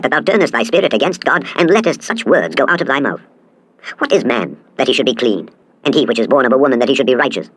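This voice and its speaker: A man's voice: mid-range voice, a bit bright, dry recording, poor audio. A man giving a scripted, dramatic reading of scripture in a solemn, declamatory manner. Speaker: scripture reader.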